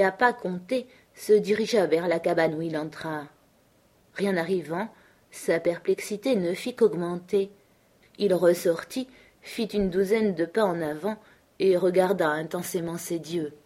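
A woman narrating a classic novel in a measured, clear reading. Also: fairly low pitch, warm tone. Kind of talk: audiobook narration.

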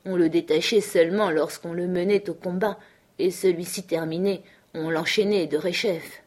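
A woman narrating a classic novel in a measured, clear reading. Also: lowish voice, fairly even intonation, a little mellow. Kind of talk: audiobook narration.

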